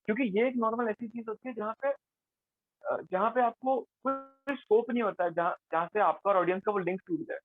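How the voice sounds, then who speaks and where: Man, workshop facilitator, fairly high voice, dry phone-like sound. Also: a little fast, dry recording, faint music behind. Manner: mixes Hindi and English, explains with rhetorical questions. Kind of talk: conversational workshop talk.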